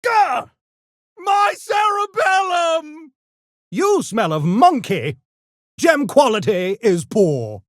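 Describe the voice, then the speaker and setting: A pint-sized gremlin intellectual for a video game. The voice swings dramatically up and down and takes its time over every fancy word. It is smug, pompous and mischievously menacing, recorded dry and close. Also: male voice, very high voice, big pitch swings, slow, fairly bright tone, no echo, full character voice. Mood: excited, theatrical. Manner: pompous, wordy, mock-genteel diction. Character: small, erudite, smug male gremlin genius with mischievous menace. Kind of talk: video game character voice lines.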